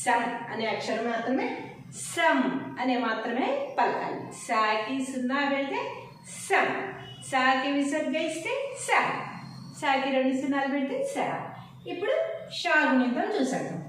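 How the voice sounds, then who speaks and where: Woman teacher, high voice, slow sing-song recitation, far from the mic in a very echoey room. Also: animated, a bit bright. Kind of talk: teaching a Telugu alphabet lesson. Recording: very echoey, distant room mic with faint noise.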